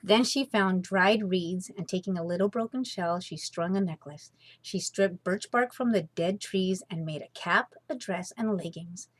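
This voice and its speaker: A woman with a fairly low voice reads a children's story aloud, performing it expressively and dramatically with carefully paced phrasing. The recording is dry.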